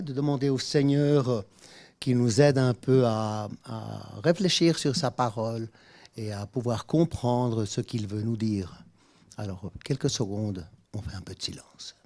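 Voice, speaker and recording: A man's voice: mid-range voice, warm tone. A man preaching a sermon in a church, a native Spanish speaker who reads scripture aloud with informal asides and restarts.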